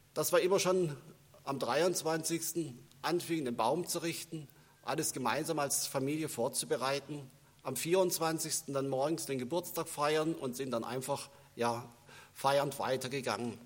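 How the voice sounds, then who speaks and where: A preacher with a mid-range voice gives an Advent sermon in a church, speaking conversationally and telling personal stories in a German accent with a northern standard touch. The church adds a long reverb.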